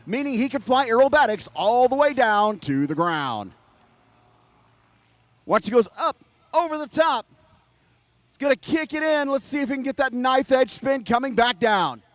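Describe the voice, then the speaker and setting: A man calls an air show live in a very high-pitched voice. He hypes the crowd with punchy, excited emphasis, and the sound is dry, with very little room in it. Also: no echo.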